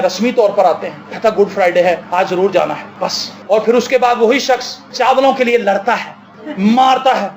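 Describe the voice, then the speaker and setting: A male pastor preaching a fiery sermon, firing off rhetorical questions and shouting at the high points. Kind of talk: impassioned sermon.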